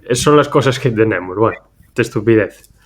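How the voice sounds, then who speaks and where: A man's voice: fairly low pitch, animated, a little fast. Man chatting about films. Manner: rambling, anecdotal, frequent restarts. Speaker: film podcast host. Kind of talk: casual film discussion.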